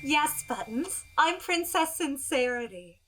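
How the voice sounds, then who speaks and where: A woman playing a gentle, sincere princess who tells children a story in a soft, slow, soothing way, sometimes dropping to a whisper. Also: high-pitched, lively intonation, over music. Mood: friendly.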